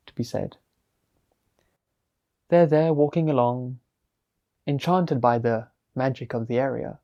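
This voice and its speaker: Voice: medium pitch, warm tone. A storyteller narrating a fantasy tale in a chatty way, with frequent asides to the listener.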